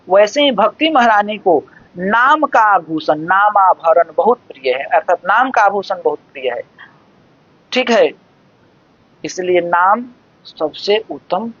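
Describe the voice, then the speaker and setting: A regular speaker giving a devotional discourse that explains scripture, talking in a measured, explanatory way and reciting verses slowly. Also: mid-range voice, lively intonation, a bit bright, husky. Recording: dull lo-fi dry recording.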